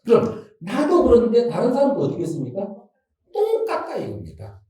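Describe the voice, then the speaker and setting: Monk w gyeongsang accent preaching, folksy + lively, warm low tone, big echoey temple hall, mic far away. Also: male voice, moderate pace. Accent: Gyeongsang Korean. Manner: folksy and lively, asks the audience questions and acts out everyday quarrels. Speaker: Buddhist monk giving a dharma talk. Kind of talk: sermon.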